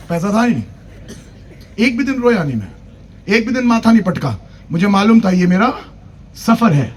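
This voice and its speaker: A man preaching at a church convention, telling a humorous personal story, acting out the dialogue and urging the congregation to clap. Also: sits high. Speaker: pastor. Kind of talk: sermon.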